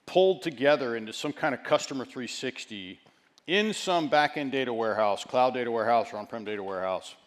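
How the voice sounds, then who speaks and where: A man giving a keynote presentation as a chief executive, speaking in deliberate, broken phrases with emphatic stresses. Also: medium pitch.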